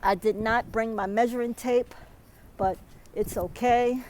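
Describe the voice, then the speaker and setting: A woman's voice: a little high, steady tone, unhurried, darkish tone, a little hiss or hum, rough recording. A woman, out of breath, filming a weather vlog outdoors in a snowstorm and often adding "okay?" to her emphatic advice. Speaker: vlogger.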